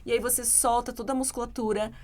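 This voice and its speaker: A woman's voice: on the high side, level tone, quick pace, a little mellow, a little hiss or hum. A Brazilian woman, an English teacher and podcast co-host, chatting casually and explaining with lots of fillers in a Brazilian Portuguese accent.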